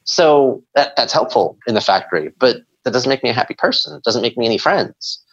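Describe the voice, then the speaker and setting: A man being interviewed, telling animated stories and acting out his own inner dialogue. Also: mid-range voice, a little fast, lo-fi sound. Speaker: guest. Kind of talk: conversational interview.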